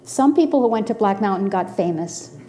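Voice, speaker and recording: A woman in her sixties from the Los Angeles area, telling a personal story in a measured, dryly humorous way. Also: medium pitch, lively intonation, warm tone, a little hiss or hum. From Los Angeles area, USA.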